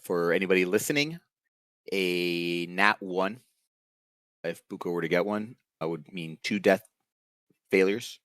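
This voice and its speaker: A man acting as game master in a tabletop game, narrating over an online call in a relaxed way with many fillers. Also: low-pitched, a little slow, long pauses, clear, resonant tone, dry recording.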